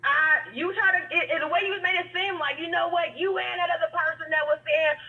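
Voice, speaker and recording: A woman calling in over a phone line, chatting casually and telling stories with lively slang. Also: very high voice, a little fast. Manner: chatty, animated storytelling with slang. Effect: heard over a phone line. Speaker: caller. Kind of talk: casual call-in chat. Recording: muffled, distant phone line.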